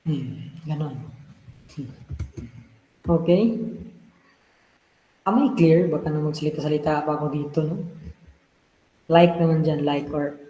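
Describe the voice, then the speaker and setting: A man leading an online exam review class, switching between Tagalog and English and teasing the class with quick rhetorical questions. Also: fairly high pitch, warm tone, big-room sound, rough recording. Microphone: video call.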